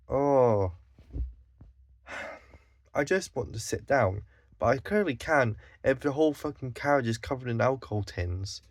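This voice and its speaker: In a dry recording, a mid-range Scottish man vlogs a blunt, exasperated monologue. He curses heavily, lets out sighs, and keeps correcting himself.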